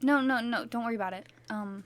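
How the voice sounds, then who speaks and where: A woman's voice: on the high side, a bit bright, natural voice. A woman reading as a hesitant young man. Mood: flustered. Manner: hesitant, halting. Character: anxious young man confessing a crush.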